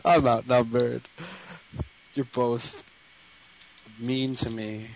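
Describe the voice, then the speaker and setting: A man's voice: mid-range voice, fairly even intonation, extremely slow, low-quality recording. A man co-hosting a casual podcast, cracking jokes and teasing the others. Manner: joking, teasing. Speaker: podcast co-host. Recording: loud background noise with clicks.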